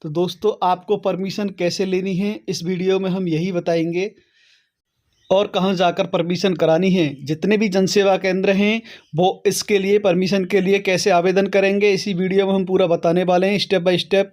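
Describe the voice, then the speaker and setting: Step by step, a how-to channel host explains things to his viewers, frequently pausing for a quick "okay" to check they're keeping up. His slightly mellow voice sits high, shows little pitch movement, and moves at a moderate pace.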